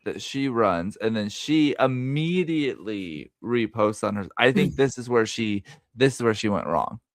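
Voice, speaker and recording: A man's voice: fairly low pitch, expressive, normal speed, no echo, studio quality. A man in casual podcast chat about a TV show, rambling with many restarts and acting out quotes. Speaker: podcast co-host.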